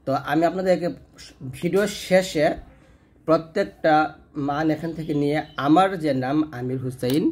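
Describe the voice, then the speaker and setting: A man with a slightly high-pitched voice gives a patient pronunciation lesson. He draws out each letter sound slowly to demonstrate it, then explains it step by step. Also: darkish tone. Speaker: Quran reading teacher.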